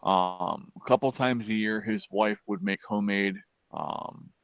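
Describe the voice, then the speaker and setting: Halting man on a dull, dry line. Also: on the low side, clear, resonant tone, no room sound. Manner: halting, many fillers and restarts. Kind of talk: casual chat.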